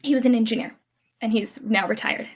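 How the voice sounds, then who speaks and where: Her husky voice sits fairly high with fairly even intonation and runs a little fast. The speaker, a Californian woman in her thirties on a podcast, rambles chattily through family stories in casual conversation, restarting often, leaning on fillers and laughing easily.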